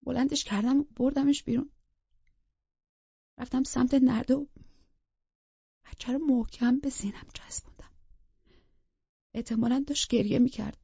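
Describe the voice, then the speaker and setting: A woman's voice: fairly high pitch, creaky, warm tone, slightly rough, no room sound, highs cut off. A woman reading a psychological thriller aloud as a first-person audiobook narrator, in a tense, intimate way that sometimes drops to a whisper.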